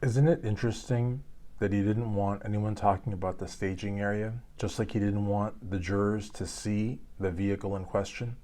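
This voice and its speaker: A man's voice: fairly low pitch, steady tone, normal speed, dark tone. Rambling male YouTube host from Kentucky. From Louisville, Kentucky. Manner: rambling, joking asides. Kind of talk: casual commentary.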